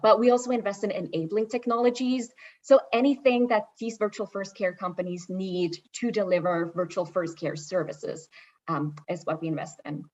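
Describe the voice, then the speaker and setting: A woman from Switzerland introducing herself on a panel as a venture investor, upbeat and enthusiastic. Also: medium pitch. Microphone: video call. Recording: dull, lo-fi audio.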